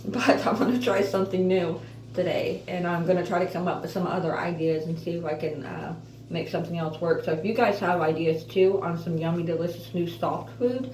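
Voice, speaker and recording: A woman vlogger talks casually and earnestly, rambling and pausing as she goes. Her missing front teeth soften and slur her F sounds, and her voice sits a little low. The recording is echoey and somewhat distant, with faint noise behind her. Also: steady tone. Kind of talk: casual personal update vlog, chatty. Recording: roomy echo, distant mic, faint noise.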